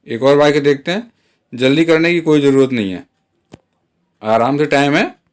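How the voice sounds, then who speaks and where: A man hosting an English lesson, explaining sentences in Hindi and repeating each English example slowly and deliberately, checking in often with short asides. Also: mid-range voice, a little mellow. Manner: frequent "theek hai" check-ins. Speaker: English teacher.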